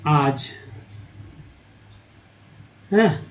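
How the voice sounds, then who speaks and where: A man, teaching in a slow lesson and reading word lists aloud syllable by syllable. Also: poor audio. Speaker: English teacher.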